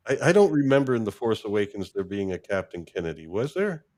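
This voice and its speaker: A podcast host chatting casually in an easygoing manner, often chuckling. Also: male voice, fairly low pitch, sing-song, quick pace, a little mellow. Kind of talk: casual chat.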